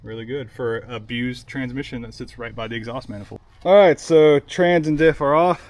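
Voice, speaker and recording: A man's voice: medium pitch, moderate pace. Young man vlogging in his garage. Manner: excited, swearing, talks while working. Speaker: car builder vlogger. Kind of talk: casual garage vlog.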